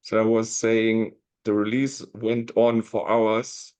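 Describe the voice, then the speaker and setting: Coach on a call, lowish mellow male voice, mic keeps cutting out, volume uneven. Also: little pitch movement, smooth, no echo. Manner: slow, gentle repeated questions with soft laughs. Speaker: release coach. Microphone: video call.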